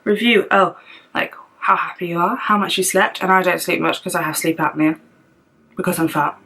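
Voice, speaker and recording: A woman's voice: fairly low pitch, normal speed, bright, forceful tone, rough recording. A young woman vlogging at home in casual, rambling chat, open and self-deprecating about herself. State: out of breath. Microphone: phone or tablet camera.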